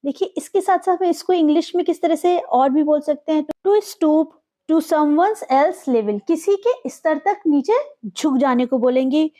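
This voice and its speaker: Indian woman teacher, high voice, mellow tone, quizzing the class and answering herself. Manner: asks questions and answers them herself; mixes English words into Hindi explanations. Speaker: English vocabulary teacher. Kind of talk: explaining vocabulary lesson.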